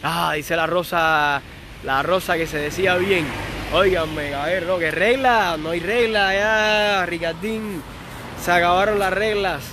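A young man with a Cuban accent talks casually on a live stream, reading out viewer comments and replying to them. His voice sits slightly high. Faint street and car noise hums in the background. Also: measured pace. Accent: Cuban Spanish. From Cuba. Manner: chatty, reads viewer comments aloud and answers them.

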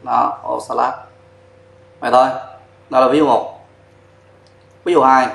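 A man's voice: mid-range voice, flat delivery, measured pace, gravelly. A man teaching a chemistry lesson at a board, explaining step by step and spelling out formulas letter by letter. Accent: Vietnamese. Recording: echoey classroom sound.

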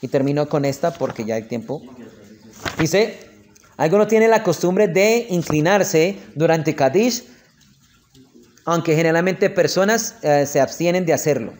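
A man with a Colombian Spanish accent leads a lesson on prayer customs. His voice sits somewhat high, and he slows down to spell out each prayer word before moving on. He keeps checking with his listeners, asking whether they are with him. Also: lively intonation, a little mellow. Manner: explanatory, checks in often with "¿ok?" and "¿listo?". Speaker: rabbi teaching prayer customs.

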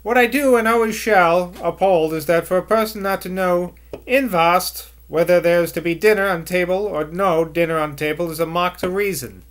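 In an amateur audiobook reading, a man puts on a broad West Country rustic dialect to voice a shrill old servant woman who scolds and rattles on, loud and defiant. Delivered at normal speed, her voice rides higher and louder than his own narration, full of the stubborn rustic grumbling of a storybook.

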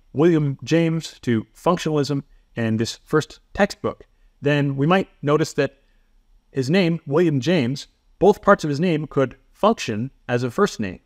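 A man's voice: mid-range voice, no room sound. A man narrating a psychology lesson in a methodical, explanatory way, with dry self-deprecating humor. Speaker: psychology instructor. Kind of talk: scripted educational narration.

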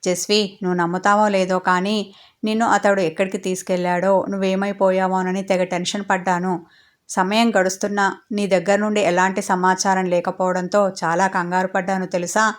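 Cheeky young girlfriend, voiced by a woman narrator; teasing, even-pitched. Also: normal speed, natural voice. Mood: worried. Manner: teasing, mischievous.

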